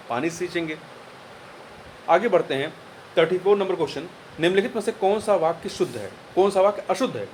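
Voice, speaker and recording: Man, Hindi exam tutor, slightly high voice, repeats words to spell them out, faint background hiss. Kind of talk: exam answer walkthrough.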